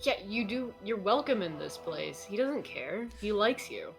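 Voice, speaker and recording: A woman's voice: medium pitch, sing-song, a little slow, vocal fry, faint music behind. A woman chatting casually as a player in a tabletop game, informal and joking.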